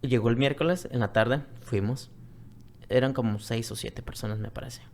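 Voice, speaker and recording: A Mexican man, a guest on a talk show, recounts his own experience in plain conversational Spanish. His voice sits in an ordinary middle register. He repeats his phrases and often sinks into a hushed, breathy near-whisper. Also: medium pitch, steady tone, moderate pace, a little hiss or hum. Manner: repetitive, earnest retelling, often drops to a soft near-whisper. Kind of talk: personal testimony, conversational storytelling.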